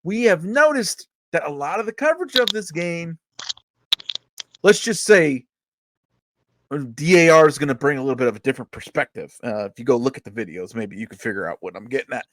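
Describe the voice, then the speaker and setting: An excitable man hosts a casual podcast. He rattles on at speed and swears freely, in a voice a little higher than most men's. It sounds close and dry, with no room around it. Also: fairly quick, no room sound. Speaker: podcast host.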